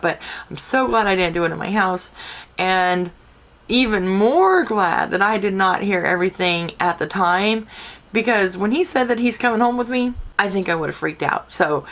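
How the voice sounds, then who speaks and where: A woman's voice: medium pitch, gravelly, fairly bright tone. A woman hosting a paranormal channel, chatting casually and informally to her viewers. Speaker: paranormal video host.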